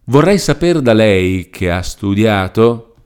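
A man's voice: lowish voice, very animated, slow pace, darkish tone, smooth, pitched above the performer's own voice. A man voicing a humble young peasant who speaks hesitantly and apologetically. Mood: timid. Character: humble young male peasant, timid and deferential.

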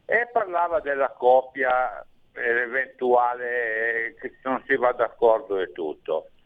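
A man's voice: mid-range voice, animated, slow pace. A man calling in to a radio show, speaking over a phone line in a rambling, hesitant way with many restarts. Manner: rambling, hesitant, self-correcting. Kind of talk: call-in comment on a radio show.

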